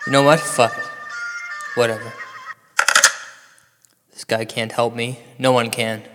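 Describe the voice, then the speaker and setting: Soaked in long reverb with music behind him, a man lightly acts the part of a paranoid male host in a ghost audio drama, telling his tale like ominous late-night radio. His middle-pitched delivery is flat and unhurried, rambling between self-pity and dry, dramatic asides in a despairing, bitter mood.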